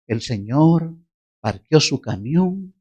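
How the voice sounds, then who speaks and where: A man preaching a sermon, telling a personal story with lively storytelling and laughing at himself. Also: a little high, slow, slightly rough. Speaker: pastor.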